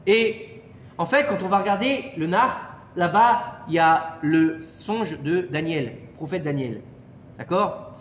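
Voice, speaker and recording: A man giving an informal Torah lesson to a small group, animated and peppering his listeners with questions. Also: high-pitched, slow pace, lo-fi sound. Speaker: Torah teacher. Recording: echoey room with long reverb and faint noise.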